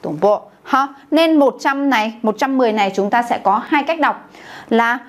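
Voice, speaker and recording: A woman's voice: a little high, lively intonation, normal speed. Woman teaching a Chinese class. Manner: calls on the class to repeat aloud, checks with questions. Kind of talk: classroom language lesson.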